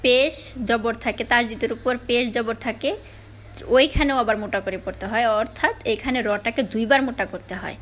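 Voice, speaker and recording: A woman teaching Arabic letter pronunciation, explaining the rules step by step and slowly repeating each sound to demonstrate. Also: fairly high pitch, fairly bright tone, slight background noise. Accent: Bangladeshi Bengali.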